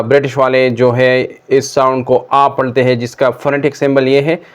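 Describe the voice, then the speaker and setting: A man teaching pronunciation in a slow, deliberate classroom manner, modeling words one by one and checking in with "okay". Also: medium pitch. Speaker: English teacher. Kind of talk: classroom lesson explaining pronunciation.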